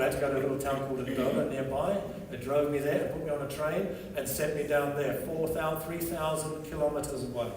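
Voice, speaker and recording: Speaking in a slightly high voice with a darkish tone, a Bemba-speaking Zambian man in his 60s tells stories as seminar testimony. He's conversational, frequently restarting and asking "okay?" The recording comes from far off in an echoing, large seminar hall, with background noise.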